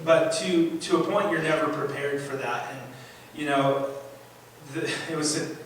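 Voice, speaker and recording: Man, testimony in church, rambling with fillers, higher voice, distant echoey pickup, faint hiss. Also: steady tone, unhurried. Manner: rambling, many fillers and restarts. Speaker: church member giving testimony. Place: church sanctuary.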